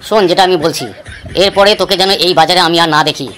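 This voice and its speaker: A gruff male village boss who settles everyone's disputes, as a woman puts him on in a cartoon. He gives short, commanding orders in a voice pushed down well below her own. His delivery is hurried. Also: lowish voice, fairly even intonation, fairly bright tone, slight background noise, natural voice. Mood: stern. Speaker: voice actor. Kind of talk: cartoon voice acting.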